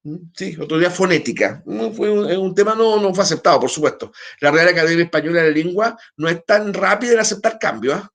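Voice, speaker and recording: A man's voice: high-pitched, animated, fast, hardly any pauses. A man with a Chilean accent teaching an online class, explaining at length, often checking in with tag questions. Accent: Chilean Spanish. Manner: hesitant restarts, talks on in a loose flow.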